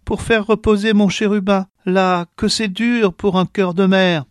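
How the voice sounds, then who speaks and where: A man's voice: very high-pitched, takes it slowly, a little mellow, dry recording, clean studio sound, voice pushed up. A man voicing a poor young wandering mother who pleads humbly for help. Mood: plaintive. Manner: pleading, plaintive.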